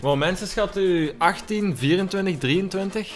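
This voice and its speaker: A young man with a Flemish accent chatting excitedly on a livestream, exclaiming with English slang. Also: sits high, normal speed. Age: young adult. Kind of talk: excitable casual livestream chat. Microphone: desk microphone.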